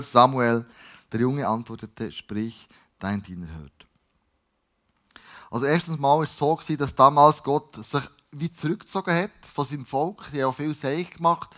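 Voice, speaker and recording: A man's voice: on the high side, fairly bright tone. A middle-aged man with a Swiss German accent, preaching a sermon in a conversational way and retelling a Bible story with asides. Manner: conversational, with asides and restarts, stressing words by repeating them. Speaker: pastor.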